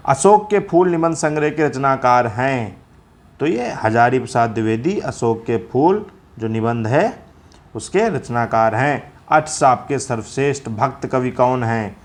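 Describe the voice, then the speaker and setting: A man's voice: medium pitch, animated, a little slow. Man teaching a casual exam-prep lesson. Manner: casual, chatty, addresses viewers as friends; repeats answers with frequent filler checks.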